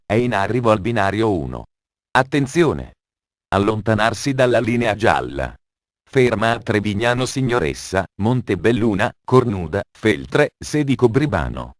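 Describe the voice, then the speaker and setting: A man giving formal, measured train station announcements in an automated announcement style. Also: fairly low pitch, no room sound, studio quality.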